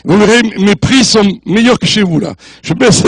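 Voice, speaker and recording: Older male guest preacher, high voice, dry close sound, jokey and easygoing, slips between three languages. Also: moderate pace, slightly rough, dry recording. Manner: jovial, joking with the congregation; mixes French, English and Spanish. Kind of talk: sermon. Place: church.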